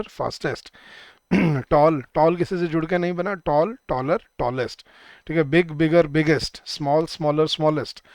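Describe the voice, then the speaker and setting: A man's voice: fairly high pitch, no echo, clean studio sound. A man teaching an online exam-prep grammar class, switching between Hindi and English and answering his own questions as he addresses the class as guys. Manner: mixes Hindi with English terms and sentences; slows down when he reads out the example sentences.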